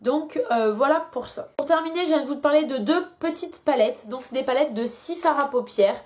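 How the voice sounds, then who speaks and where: With a headache weighing on her, a young beauty vlogger reviews a product in a high, slightly mellow voice at a normal pace. Her casual talk is riddled with hesitations.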